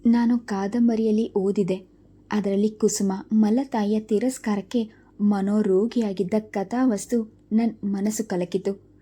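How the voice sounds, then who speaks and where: Woman, storyteller, first-person story narration, steady and reflective, very mellow dark voice. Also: mid-range voice, a little slow, husky.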